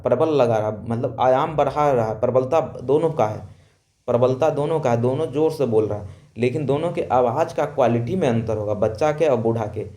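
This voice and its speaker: Emphatic man teaching class, dark voice. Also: mid-range voice. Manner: repeats points, explains in plain words. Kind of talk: classroom lesson.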